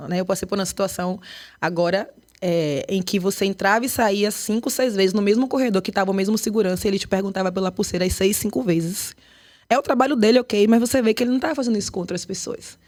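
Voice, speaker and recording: A woman with a Bahian Portuguese accent talks in a podcast interview, lively and emphatic. She is a choreographer and artistic director who tells her stories at a brisk, animated clip with a mid-pitched voice. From Brazil, Bahia.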